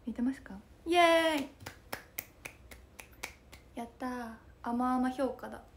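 A young woman chatting casually on a live stream, reading comments aloud in a playful way and often dropping into a soft whisper. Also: fairly high pitch, flat delivery, normal speed, vocal fry, a little hiss or hum. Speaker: idol streamer.

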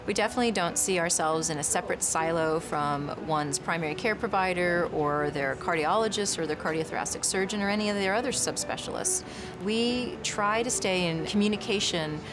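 A woman physician speaks in a calm, explanatory way, her voice sitting on the low side. She is interviewed for a documentary. Music plays clearly underneath. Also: a little fast. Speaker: physician overseeing cardiac rehab. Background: background music.

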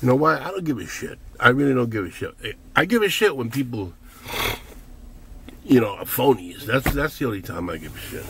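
A man's voice: medium pitch, sing-song, fairly quick, a bit bright, slight background noise. An older man giving a blunt, profane vlog rant while running errands. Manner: blunt, profane, ranting, heated bursts. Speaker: vlogger.

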